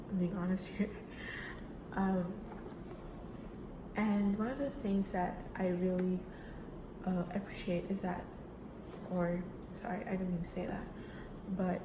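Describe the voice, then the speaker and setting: A young woman with a fairly low voice gives a personal self-introduction as a student speech in class. She is casual and chatty, tossing in fillers like "right?" and "you know" often. The room is echoey, with background noise.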